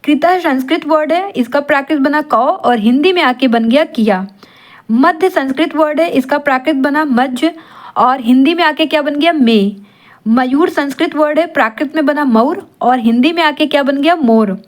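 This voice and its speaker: A woman's voice: high-pitched, normal speed. A woman tutoring for an exam in Hindi, asking rhetorical questions and answering them herself, mixing in English terms. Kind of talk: classroom-style exam lesson.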